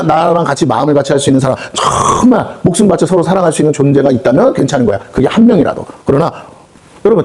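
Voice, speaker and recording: Fast-preaching husky Korean pastor. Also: male voice, a little high. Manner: lively preaching with rhetorical questions, acting out quoted voices. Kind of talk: sermon. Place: prayer house meeting hall.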